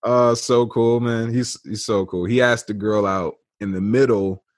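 A man's voice: lowish voice, steady tone, a little slow, no echo, studio quality. A man co-hosting a podcast, chatting casually about a film with wry jokes. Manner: joking, wry asides. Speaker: podcast co-host. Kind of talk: casual movie-review chat.

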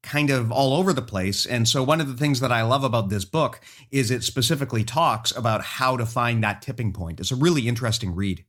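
A man's voice: mid-range voice, a little fast, hardly any pauses, fairly bright tone. A man with a mid-range voice talks through ideas in a casual podcast chat. He explains things steadily and keeps the conversation moving forward. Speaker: podcast co-host.

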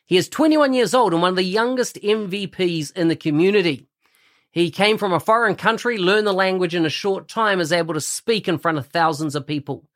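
A man's voice: high-pitched, a little fast, fairly bright tone. A man hosting a podcast interview, reading a sponsor spot and then asking a guest questions in an eager, upbeat way. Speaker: podcast host.

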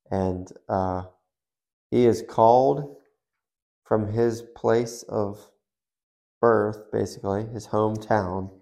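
A man's voice: on the low side, gravelly, darkish tone. A man hosting his own faith podcast, talking loosely and conversationally through hypotheticals. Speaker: podcast host. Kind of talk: casual faith podcast monologue.

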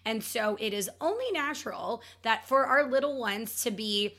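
High-voiced upbeat woman giving advice. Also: lively intonation, normal speed, a bit bright. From Ontario, Canada. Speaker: podcast host and child sleep coach. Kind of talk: advice podcast monologue.

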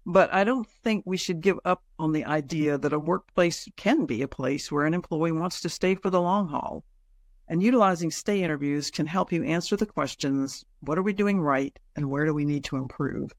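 A man's voice: a little high, normal speed, no room sound, clean studio sound. A man hosting a podcast, giving semi-scripted practical advice. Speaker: podcast host.

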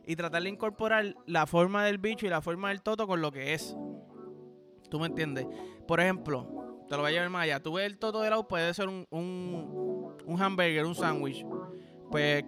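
A man's voice: high voice, normal speed, music in the background. A man with a Puerto Rican accent hosting a podcast, rambling through a crude comic monologue in a playful, profane way. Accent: Puerto Rican Spanish. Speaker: podcast host.

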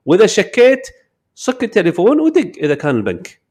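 A young man with a Kuwaiti Arabic accent tells stories on a casual podcast. His voice sits high and swings widely in pitch, and he talks quickly. He acts out the other people's lines as he goes. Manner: animated storyteller, acts out voices in quoted dialogue. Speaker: podcast co-host. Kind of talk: casual chat.

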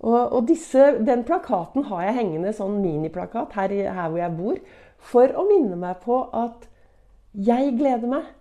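Brief: middle-aged woman, motivational podcast host, upbeat coaching delivery, a touch high, warm mellow tone. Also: animated. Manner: upbeat, coaching, rhetorical "ikke sant" asides.

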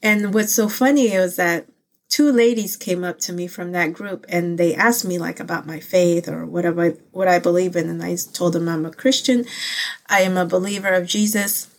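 A Filipino-born woman whose first languages are Pangasinan and Ilocano talks at a moderate pace in a fairly low voice. As host of her channel, a casual personal faith vlog, she speaks earnestly and from the heart, rambling with many fillers and restarts.

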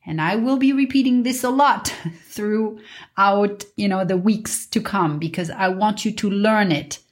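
A woman's voice: mid-range voice, measured pace. A woman podcast host teaching in an earnest, instructive spiritual guru manner, in a motivational monologue.

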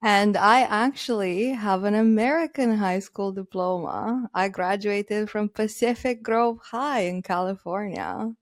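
A woman's voice: medium pitch, a little slow, hardly any pauses, dry recording. Woman, 30s, from Romania, interview guest, chatty, fillers, dry recording. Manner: chatty, laughs often, many fillers. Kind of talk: casual interview.

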